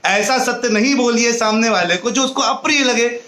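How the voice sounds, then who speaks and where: A man giving a devotional discourse in a high, bright voice, moving between storytelling and chanted verses. The room is echoey. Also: moderate pace. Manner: tells parables and chants mantras, with a light laugh. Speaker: preacher.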